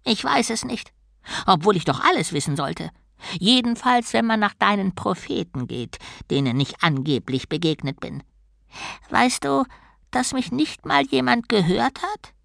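A woman's voice: mid-range voice, big pitch swings, unhurried, vocal fry, a bit bright, no echo, clean studio sound, pitched above the performer's own voice, exaggerated voice. A woman voicing a grumpy male god trapped as a small tortoise, indignant and sarcastic, in an audiobook. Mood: sorrowful. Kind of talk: audiobook character voice.

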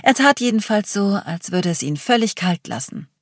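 Even audiobook narrator, dry sound. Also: mid-range voice, moderate pace, no room sound. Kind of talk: first-person audiobook narration.

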